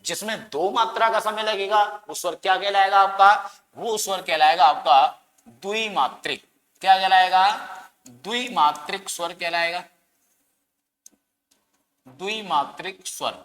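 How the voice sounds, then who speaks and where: A man's voice: high voice, unhurried, fairly bright tone. A man teaching an exam-prep grammar lesson, asking his students questions and answering them himself, dramatically stretching words for emphasis. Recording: long echoing reverb.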